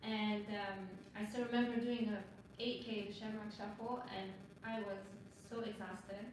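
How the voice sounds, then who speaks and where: A woman from Lebanon, a marathon runner on a panel, talking casually and haltingly with lots of fillers. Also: medium pitch, flat delivery. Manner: chatty, halting, many fillers. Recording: echoey, distant mic, noisy ambience.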